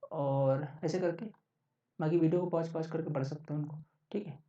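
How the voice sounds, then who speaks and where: A man's voice: a little high, steady tone, normal speed, warm tone, dull audio. Chatty man teaching, roomy distant sound. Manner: chatty, keeps checking in with listeners. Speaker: exam coaching teacher. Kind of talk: casual online lesson.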